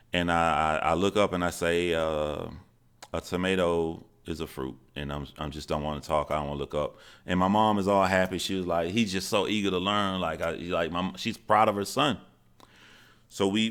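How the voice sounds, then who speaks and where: A man, telling a personal story in a candid, halting, earnest way. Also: sits low, a bit bright, smooth. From Georgia, USA. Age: 40s.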